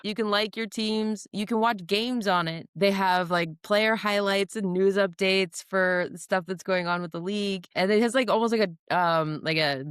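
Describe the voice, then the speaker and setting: A woman's voice: mid-range voice, moderate pace, hardly any pauses, smooth, no echo, studio quality. A woman co-hosting a casual sports podcast, teasing and helpful, often laughing. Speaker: podcast co-host. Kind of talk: casual chat.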